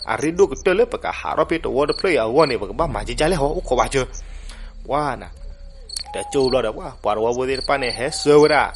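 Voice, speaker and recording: A man narrating a folk legend, animated and switching voices for the characters. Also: medium pitch. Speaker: storyteller. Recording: noisy recording with crickets behind.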